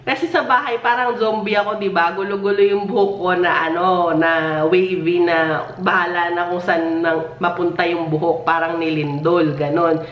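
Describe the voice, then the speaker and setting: Woman vlogger, chatty and giggly, low-set voice with a slight post-illness hoarseness, recorded from a distance in an echoey room with dull sound. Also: fairly even intonation, normal speed. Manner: chatty and giggly, with frequent laughs. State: voice lowered and a little hoarse after illness, coughing. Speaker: family vlogger. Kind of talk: casual chat. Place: at home.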